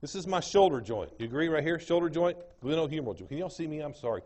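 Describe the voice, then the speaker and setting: A fairly high-voiced man with an East Texas drawl gives a classroom lecture. He repeats each term and keeps asking the room whether it makes sense. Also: expressive, quick pace, darkish tone. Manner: drawling, repeats terms, checks understanding with the class. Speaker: anatomy lecturer.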